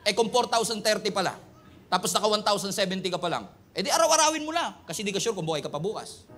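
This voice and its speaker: A male pastor with a Filipino accent preaches an animated sermon in a high-pitched, fast voice. He switches between Tagalog and English and imitates voices to get laughs.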